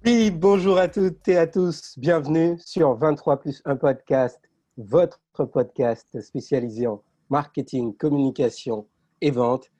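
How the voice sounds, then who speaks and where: A man's voice: a little high, unhurried, dark tone. A man co-hosting a podcast, welcoming listeners and introducing his guest in an upbeat way. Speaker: podcast co-host.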